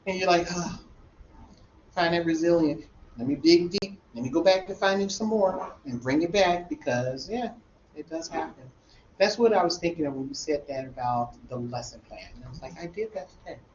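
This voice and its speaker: A man who teaches college algebra, telling an animated classroom story in a discussion group and acting out the dialogue. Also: fairly high pitch, normal speed. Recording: roomy, dull sound with faint room noise.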